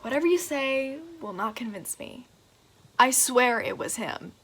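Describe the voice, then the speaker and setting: A woman's voice: on the high side, expressive, a little slow, a bit bright, slight background noise. A woman acting a dramatic, gossipy young woman telling a friend news over the phone in a stage monologue. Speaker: student actor.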